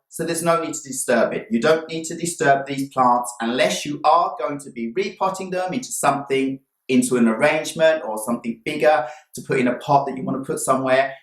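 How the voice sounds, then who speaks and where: A man's voice: medium pitch, fairly bright tone. Gushing, cheerful man in an echoey room. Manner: relentlessly cheerful, gushing with drawn-out emphasis on praise words. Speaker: plant vlog host. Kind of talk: casual presentation to viewers, showing plants. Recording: roomy, echoey indoor sound.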